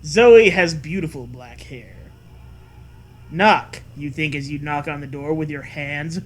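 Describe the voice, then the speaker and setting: A man's voice: on the high side, measured pace. A man reading a silly story aloud with sarcastic, wry asides. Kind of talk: comedic story reading with banter.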